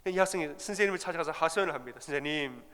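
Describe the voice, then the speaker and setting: A male pastor preaching a sermon, telling a story in an animated way and acting out the people in it. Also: on the high side, a little fast, big-room sound.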